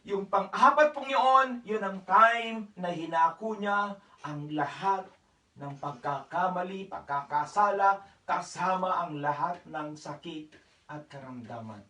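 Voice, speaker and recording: High, bright-voiced man preaching. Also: reverberant, recorded from a distance, rough recording. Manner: polite preaching, mixing Tagalog with English phrases; raises his voice for emphasis at times. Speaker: pastor. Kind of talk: church sermon.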